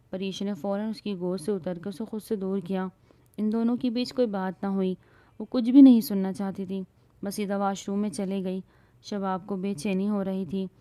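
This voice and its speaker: A woman reading a romantic novel aloud as a storyteller, voicing all the parts in one steady narrating voice. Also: mid-range voice.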